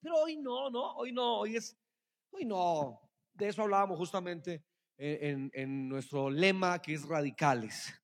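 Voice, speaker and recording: A man delivers a sermon in a bright, high voice, addressing the congregation directly. His delivery is animated, with quiet stretches that build into loud calls. The sound carries a long reverb from a church hall. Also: measured pace. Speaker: preacher.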